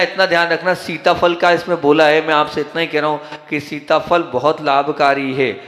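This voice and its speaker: A man's voice: a little high, a bit bright. A man from central India giving a conversational sermon, asking the audience questions and answering them himself. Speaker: Jain monk giving a discourse. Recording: echoey hall.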